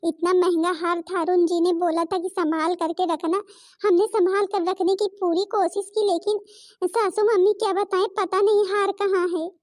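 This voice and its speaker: A woman's voice: extremely high pitch, level tone, moderate pace, a little mellow, no echo, studio quality. A woman voicing an anxious young daughter-in-law in a cartoon, pleading and flustered. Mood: worried.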